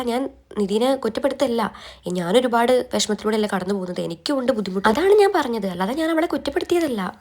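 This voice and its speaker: Fast-chatting woman recapping a serial. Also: mid-range voice. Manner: chatty storytelling, often ends lines with a friendly "tto". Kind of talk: casual serial episode recap.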